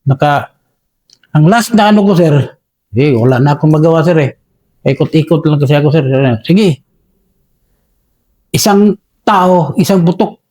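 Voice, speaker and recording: A man's voice: a little high, lively intonation, moderate pace, pauses often, a little mellow. A Filipino man recounting a battle in an interview, deferential, adding "sir" after nearly every phrase. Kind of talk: interview storytelling.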